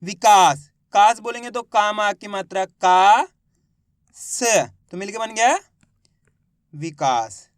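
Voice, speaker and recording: A man's voice: high-pitched, slow, dry recording, studio quality. A man teaching reading, drawing out each syllable and quizzing viewers as a teacher. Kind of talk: slow spelling lesson, sounding out syllables.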